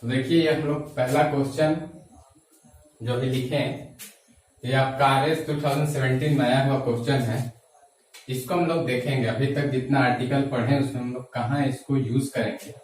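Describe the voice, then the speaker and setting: A man teaching a grammar class, dictating sentences slowly and explaining quickly between them. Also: medium pitch, fairly even intonation, a little mellow. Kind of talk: classroom lesson. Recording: echoey room, voice from far off.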